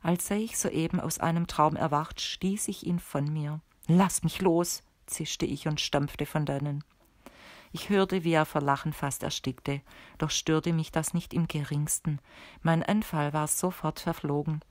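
Low-voiced woman reading an audiobook. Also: fairly even intonation, a little slow, no echo. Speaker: audiobook narrator. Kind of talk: scripted first-person narration.

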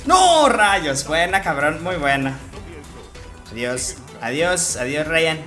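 A man with a Mexican Spanish accent giving live gameplay commentary as a streamer, jokey and profane, with sudden excited outbursts. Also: fairly high pitch, takes it slowly, soft background music. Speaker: gaming streamer.

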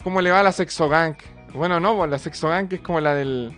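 High-voiced Chilean streamer bantering. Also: male voice, brisk, fairly bright tone, soft background music. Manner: banters with chat, swears freely, reads donations aloud. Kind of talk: casual live-stream chat.

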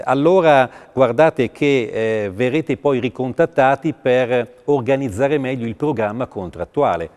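Older male studio commentator, low-voiced, hesitant and ironic, reverberant studio. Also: darkish tone. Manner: discursive, many hesitations, ironic. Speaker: news commentator. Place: TV news studio.

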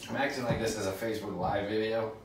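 A man's voice: fairly low pitch, steady tone, fast talker. A man in his thirties chatting casually to camera as a vlogger. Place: small tiled home bathroom. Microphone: phone at arm's length or propped nearby. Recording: roomy bathroom echo, distant mic, background noise.

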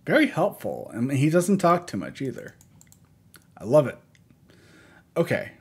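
A man's voice: fairly high pitch, wildly swooping pitch, moderate pace, breathy edge, faint music behind. A man giving casual, chatty gameplay commentary, talking to himself and laughing often. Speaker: let's play gamer.

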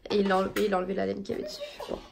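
A young woman and mother with a cold, chatting casually and rambling through her day at home for a vlog, often dropping to a soft, low voice. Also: wildly swooping pitch, very fast, creaky, very noisy. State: sniffling with a cold. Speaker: vlogger, mother of two young boys.

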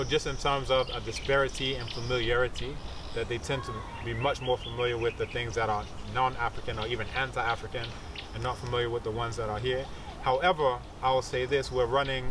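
Outdoors among trees and bushes, a researcher and martial arts teacher in his thirties answers interview questions informally, explaining like a teacher with occasional asides. His mid-range voice comes through a distant mic. Insects and traffic are audible in the recording.

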